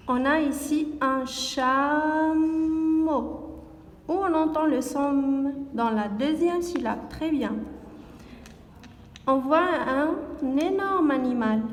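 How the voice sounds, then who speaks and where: Slow, careful woman teaching phonics. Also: high voice, slight background noise. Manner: slow, careful, repeating words and sounds. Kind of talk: slow phonics lesson for young children. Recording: echoey room with long reverb.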